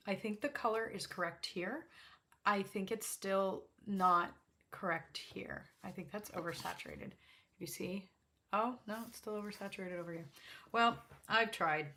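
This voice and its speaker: A woman with a slightly gravelly voice hosts an art demonstration in casual chat, rambling, interrupting herself and apologizing as she goes. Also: mid-range voice, unhurried, bright, forceful tone, slight background noise. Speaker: host of an art livestream swatching watercolors. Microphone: backup microphone.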